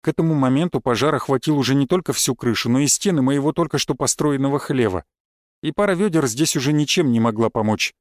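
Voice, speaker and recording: A man narrating a first-person audiobook in a calm, cold, matter-of-fact manner. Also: mid-range voice, quick pace, no echo, studio quality.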